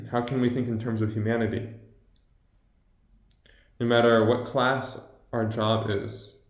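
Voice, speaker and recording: A person speaking slowly and earnestly through a deep pitch-shift effect, reflecting aloud to a camera. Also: little pitch movement. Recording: echoey, slightly dull audio.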